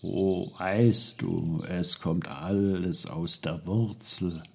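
A man voicing old, wise talking trees that speak slowly and calmly. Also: low voice, gravelly, heavily acted. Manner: slow, calm, murmuring.

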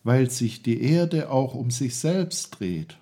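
A man voicing an eager, curious young boy in a storybook reading, excited and full of questions. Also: a little high, slow, breathy edge, voice pushed up, heavily acted.

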